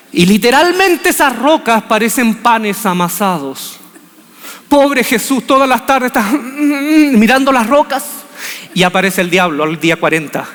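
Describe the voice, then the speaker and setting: A man preaching a sermon, telling the story in an animated, humorous way. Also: high voice. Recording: long reverb of a large hall.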